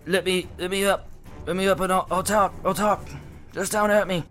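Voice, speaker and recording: A scared male drifter stammers and begs in a tabletop game, as a man puts him on. His voice sits a little high for a man. A faint bed of music runs behind him. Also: steady tone, moderate pace, a bit bright. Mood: pleading. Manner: stammering, pleading.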